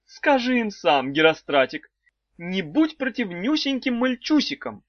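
A man's voice: sits high, sing-song, unhurried, dry recording, voice pushed up, exaggerated voice. A man voicing a doting, scatterbrained female brain-eater who coos pet names at her husband. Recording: dull, slightly lo-fi dry recording.

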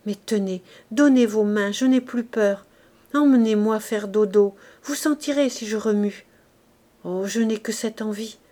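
A woman's voice: mid-range voice, a little slow, warm tone, close to an everyday voice. Destitute desperate woman, raised pleading voice, audiobook figure, voiced by a woman narrator.

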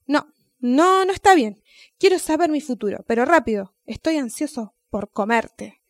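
A dim-witted, easily frightened male dog, as a woman puts him on in a storybook reading. He whines and frets in a high, pleading voice. The sound is dry and close. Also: no room sound. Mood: suspicious. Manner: whiny, anxious, slow-thinking.

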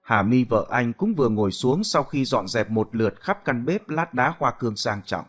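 A man reading a story aloud in steady, expressive scripted narration. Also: mid-range voice, moderate pace, soft background music.

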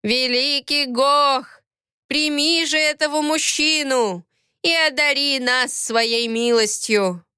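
A woman's voice: sits high, slow pace, pushed and bright, dry recording, studio quality, voice pushed up, full character voice. A woman voicing a frenzied old male cult elder who draws out his fanatical chants.

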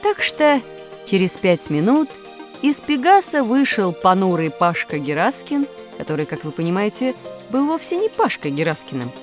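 Expressive woman reading a children's story. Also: mid-range voice, normal speed, faint music behind. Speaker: narrator.

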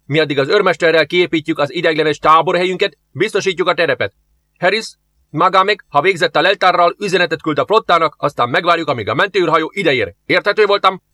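A man's voice: a little high, expressive, fairly bright tone, no room sound, pitched above the performer's own voice. A man voicing a stern male first officer who barks orders in a raised, authoritative voice. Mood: commanding. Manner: barking, authoritative.

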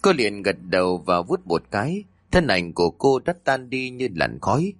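Expressive man narrating a ghost story. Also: on the low side, moderate pace, no room sound, faint music behind.

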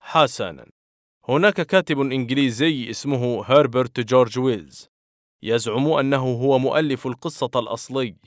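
A cold, stern office director speaks in firm, measured reproach, as a man reads him in a story. His voice sits at a middle pitch. The recording is close and dry. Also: dry recording, natural voice.

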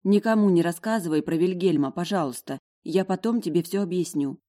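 Determined young heroine of a fantasy audiobook, firm and direct, keeping her companions in line. A woman with a deep, low voice plays her close to her own speaking voice. She sounds steady and in charge. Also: brisk, close to an everyday voice. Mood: commanding. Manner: firm, pleading at times. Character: determined young heroine, first-person narrator. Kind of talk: audiobook character voice.

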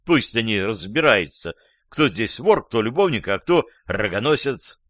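A man's voice: fairly low pitch, big pitch swings, unhurried, a bit bright, no room sound, clean studio sound. A man doing a sarcastic, jeering jealous lover. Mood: gloating. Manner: sarcastic, gloating, laughing wildly.

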